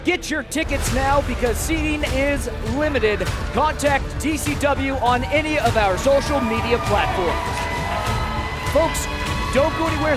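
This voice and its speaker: A man giving live wrestling commentary as a booming, pumped-up announcer who often shouts. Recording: loud crowd and music behind. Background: cheering crowd, music, ring slams.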